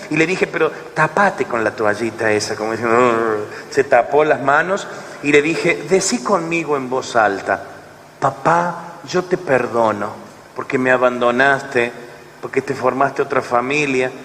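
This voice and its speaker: A man with an Argentine accent preaching, telling a story in an animated way and acting out both sides of a dialogue. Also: on the high side, slight background noise. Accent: Argentine Spanish. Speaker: lay preacher. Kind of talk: storytelling sermon. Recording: long hall reverb, faint ambience.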